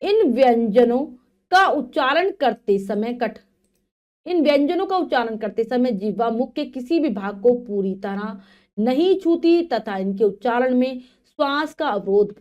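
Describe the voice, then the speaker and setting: A woman teaching a grammar lesson to children. She reads out definitions, re-explains them in simple words, and spells out letters and examples slowly. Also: fairly high pitch, expressive, warm tone, dull audio. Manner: slow, drawn-out recitation of letters and examples.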